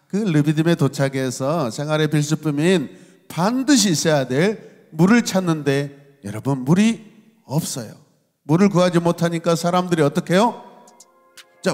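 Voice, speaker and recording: Animated pastor in a reverberant hall. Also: male voice, fairly high pitch. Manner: playful, teasing, acts out voices. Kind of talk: youth sermon. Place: church sanctuary.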